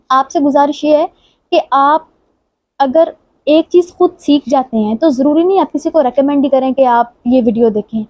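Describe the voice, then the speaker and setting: A woman teaching tajweed, patiently explaining each sound and reciting the words slowly and drawn out. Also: high-pitched, dry recording, lo-fi sound. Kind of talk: tajweed lesson with slow recited examples.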